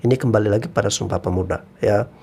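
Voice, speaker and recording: A man's voice: fairly low pitch, fast, gravelly, a little mellow, breathy edge. Earnest man from Flores appealing for unity. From Flores, East Nusa Tenggara, Indonesia. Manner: earnest, appealing for unity, addresses viewers as guys. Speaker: content creator. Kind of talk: commentary to camera.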